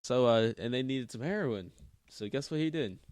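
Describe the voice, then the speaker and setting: A man's voice: medium pitch, animated, moderate pace, a little mellow, clean tone, no echo. A young man co-hosting a casual podcast, sharing a news story in an easygoing way. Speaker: podcast co-host. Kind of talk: casual chat.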